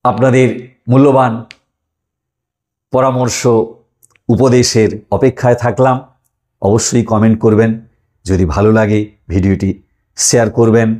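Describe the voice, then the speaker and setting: A man's voice: mid-range voice, flat delivery, unhurried, long pauses, a little mellow. A man teaching a lesson online, explaining step by step, drawing out sounds and asking listeners questions.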